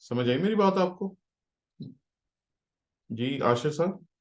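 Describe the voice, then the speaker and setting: In an echoey room, a pastor with a fairly high, lively voice speaks slowly while teaching an online Hebrew reading class. He explains patiently one step at a time, checking often with "theek hai" that his students keep up.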